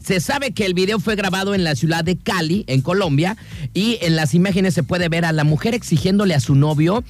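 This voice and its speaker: A man's voice: high voice, a little fast, no echo. A man with a Mexican accent hosting a radio show, chatting casually and jokingly, with plenty of slang and fillers. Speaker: radio host.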